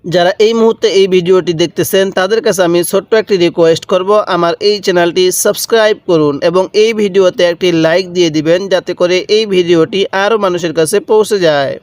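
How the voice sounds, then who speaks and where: This is a step-by-step lesson in reading Quranic letters, led by a man whose voice is high-pitched. Patiently, he says each syllable again and again, drawing it out, and no room sound can be heard.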